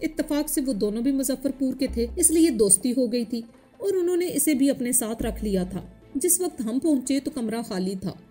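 A woman reading a story aloud as the narrator, in a steady, even voice. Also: sits high, moderate pace, faint music behind.

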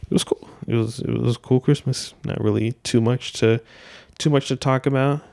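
Twenties male podcast host, gravelly and relaxed, dry close-mic sound, loose unscripted rambling. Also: medium pitch, moderate pace, dry recording. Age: 20s. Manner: laid-back, loose and meandering, frequent filler words and swearing. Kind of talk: casual solo rambling podcast. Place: small room at home, seated by a door. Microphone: handheld dynamic mic, wearing headphones.

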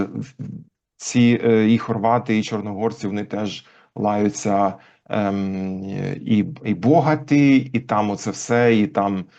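A man as an interview guest, explaining language history thoughtfully with frequent pauses. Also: lowish voice, darkish tone. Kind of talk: conversational interview. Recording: dull lo-fi recording.

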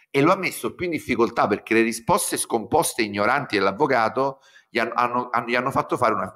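A man chatting casually as a guest, telling lively stories and swearing freely. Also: deep voice. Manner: animated storytelling, swears freely. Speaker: guest commentator. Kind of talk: casual chat.

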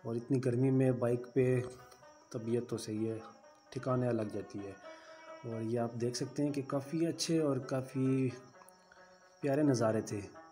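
A man's voice: medium pitch, fairly even intonation, unhurried, long pauses, warm tone, soft background music. A man giving a casual travel voice-over, chatty and full of route tips for viewers. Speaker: travel vlogger.

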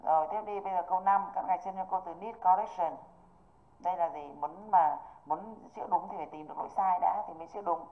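A woman teaches an online English exam review, stopping often to check that her students follow. Her voice sits a little low. It comes through a narrow, tinny video-call line. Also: fast talker. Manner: patient, repeatedly checking students understand.

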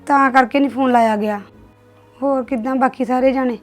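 A woman's voice: sits high, fairly even intonation, brisk, faint music behind, natural voice. A young woman with a Punjabi accent acting a tearful, pleading young wife. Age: young adult.

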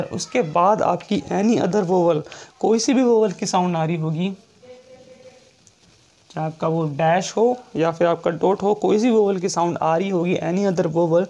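A man gives a classroom-style lecture on shorthand, repeating every point, checking in often, and slowly reading out English rule text. His voice is high with a dark tone.

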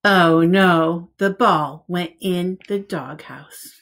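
A woman in her forties, working as a preschool teacher, reads very slowly from a picture book to young kids in a simple, expressive way. Her voice is on the low side, and a little hiss or hum can be heard.

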